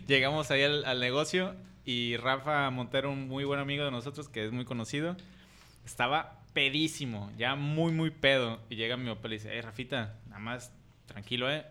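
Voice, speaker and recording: A man with a Mexican Spanish accent jokes his way through a casual chat, full of crude slang. His voice has a bright edge at an average pitch. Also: moderate pace, smooth. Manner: joking, crude slang, laughs.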